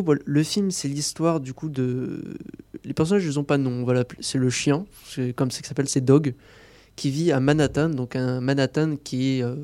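Male radio columnist, mellow voice, halting casual delivery with lots of fillers, dry studio sound. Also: mid-range voice, dry recording. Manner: hesitant, many fillers and restarts. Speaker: film columnist. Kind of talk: casual radio film review.

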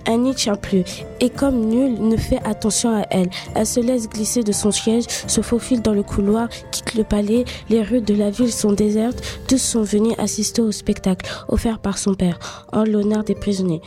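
A woman narrating a storybook in a gentle, measured reading voice. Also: mid-range voice, fairly even intonation, soft background music.

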